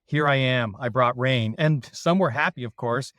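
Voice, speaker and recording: A Canadian-accented man with a medium-pitched voice talks at a normal speed with no echo. He's a dairy consultant leading a casual podcast chat, relaxed and jokey, often poking fun at himself.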